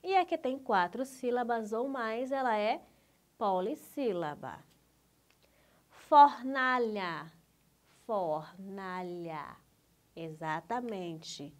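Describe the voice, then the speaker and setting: Slow, patient Brazilian teacher woman. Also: on the high side, animated. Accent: Brazilian Portuguese. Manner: patient, drawn-out, coaxing. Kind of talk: slow, clear school lesson for young children.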